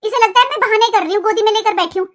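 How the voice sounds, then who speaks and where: A woman's voice: extremely high pitch, rapid-fire. A patient young mother in a cartoon. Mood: hurt. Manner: calm, reasoning, gently scolding. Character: elder daughter-in-law, patient young mother. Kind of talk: cartoon voice acting.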